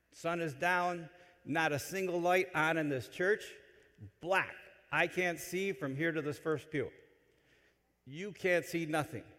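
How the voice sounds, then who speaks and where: A man delivering a homily in a church, telling stories with animated swings between loud excitement and quiet asides. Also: on the high side. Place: large church. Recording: long church reverb. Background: church hall.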